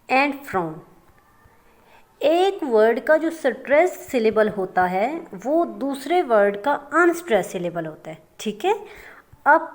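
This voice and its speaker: Woman, teacher, higher voice, classroom lecture, slow read-out definitions. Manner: explains step by step, often checking in with "okay"; reads definitions out slowly.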